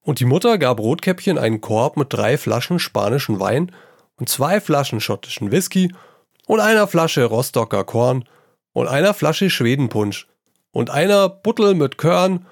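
A man giving a gruff, salty performed reading of a comic story, in the voice of an old sailor yarning to children. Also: mid-range voice, no room sound, clean studio sound.

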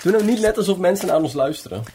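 A man co-hosting a comedy podcast, teasing in an animated way while baking in a kitchen. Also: quick pace. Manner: teasing, animated, jumps up in pitch. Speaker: podcast co-host. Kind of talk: casual comedic banter. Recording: audible background noise.

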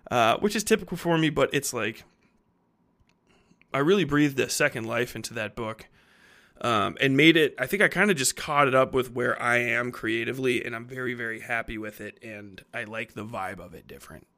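A man in his thirties who hosts a podcast and writes fiction talks at normal speed with lively intonation and a sharp, medium-pitched voice. Off the cuff and rambling, he's blunt and slangy, with plenty of casual swearing.

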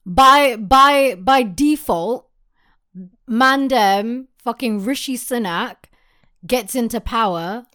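A young woman speaks in a fairly high voice with very little room sound. She chats casually and tells stories emphatically, peppering them with urban slang and swearing. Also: takes it slowly, bright, forceful tone, dry recording, studio quality. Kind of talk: casual chat, animated storytelling.

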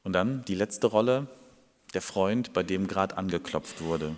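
A man's voice: deep voice, measured pace, darkish tone, long reverb tail, slight background noise. A man preaching a sermon, explaining and addressing his listeners directly.

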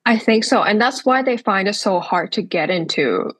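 Husky-voiced woman from Hong Kong. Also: mid-range voice, animated, a bit bright. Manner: thoughtful, with frequent "um" pauses. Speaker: percussionist guest. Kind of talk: casual podcast interview.

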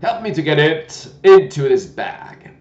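A man voicing a gentle, fussy old knight who talks loudly and fretfully. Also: on the high side, expressive, unhurried, voice pushed up. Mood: fussy eager. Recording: dull lo-fi roomy recording.

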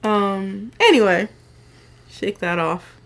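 A woman's voice: mid-range voice, takes it slowly, a bit bright. A woman in her thirties co-hosting a podcast in casual chat, chatty with trailing restarts and frequent laughter. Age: 30s. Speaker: podcast co-host.

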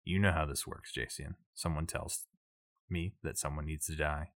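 A man's voice: rumbling low, steady tone, moderate pace, fairly bright tone, no echo, studio quality. A man voicing a menacing male crime boss in a tabletop game, speaking in a clipped, coolly threatening way. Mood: cold menace.

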